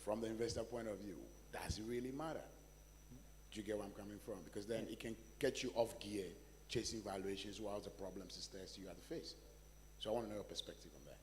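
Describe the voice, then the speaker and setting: Fast-talking man, echoey hall. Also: on the low side. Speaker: audience questioner. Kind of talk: spontaneous audience question. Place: large hall at a live event. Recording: echoey hall with faint hum.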